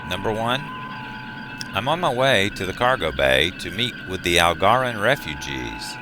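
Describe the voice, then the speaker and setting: A man playing a calm, commanding starship captain in an audio drama, measured and authoritative. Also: low-pitched, over music. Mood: brisk, commanding.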